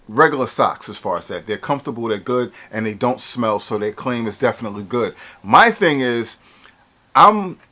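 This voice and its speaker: A man's voice: medium pitch, expressive, moderate pace, sharp tone. A man in a casual product review vlog, chatty and hyped, restarting his sentences with lots of ums. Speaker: fitness vlogger reviewing gear.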